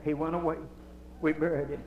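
An older man preaching a Holiness sermon in fervent, folksy storytelling style. His voice sits fairly high for a man. The live church recording carries a roomy echo. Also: little pitch movement, brisk, narrow, tinny audio, slight background noise. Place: church with congregation.

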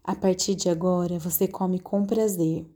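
Woman hypnosis guide, calm and directive, soft mellow voice. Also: lowish voice. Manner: slow, soothing, calmly directive. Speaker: meditation guide.

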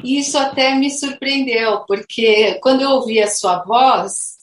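A woman hosting an interview, speaking in an enthusiastic, quick-reacting way. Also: fairly high pitch. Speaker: interviewer host. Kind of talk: casual interview chat. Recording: echoey room, distant mic.

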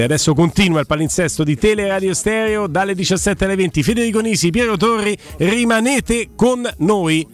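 A man with a Roman accent hosting a sports radio show in a casual, bantering, colloquial way. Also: on the high side.

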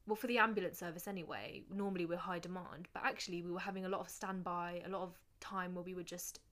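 A young woman with a fairly low voice talks through her work as a paramedic in an easygoing chat. She explains things in a steady, measured way and lets her sentences fade softly at the ends of her points. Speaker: paramedic, podcast co-host. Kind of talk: casual chat.

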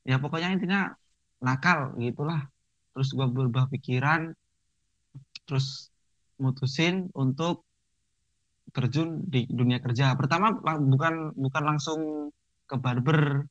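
A man's voice: medium pitch, measured pace, long pauses, fairly bright tone, no echo. Young Javanese-accented man talking Jakarta slang, muffled. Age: 20s. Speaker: podcast guest, barber. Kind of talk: casual chat.

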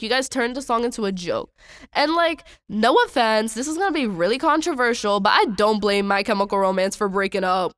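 A woman's voice: on the high side, fairly bright tone, clean tone, no room sound, clean studio sound. A young adult woman hosting a podcast, ranting in a casual, exasperated way with lots of slang and repetition. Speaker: podcast host.

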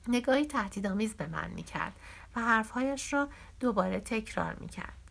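A woman narrating a novel as an audiobook in a steady, measured reading voice. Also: on the high side, creaky.

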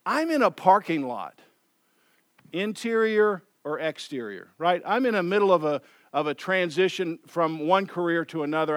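A man's voice: high-pitched, fairly bright tone, no echo, clean studio sound. A man preaching a sermon in a loose, conversational way, often repeating and restarting phrases. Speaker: pastor.

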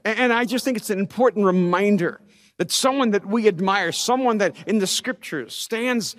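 A male pastor preaching a sermon, reading scripture with lively, sarcastic asides. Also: sits high, moderate pace.

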